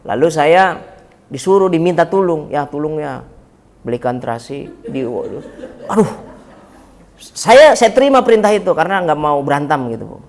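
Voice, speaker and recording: A man's voice: on the high side, very animated, moderate pace. A man, preaching a humorous sermon in a mosque and joking with the congregation. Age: 40s. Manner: joking, talks straight to the congregation. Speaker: Islamic preacher.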